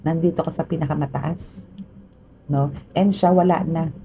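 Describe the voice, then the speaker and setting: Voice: mid-range voice, fairly even intonation, normal speed, gravelly, dark tone, slightly rough, poor audio. A tarot reader with a Filipino accent gives a casual spoken reading, chatty and full of tag questions and fillers.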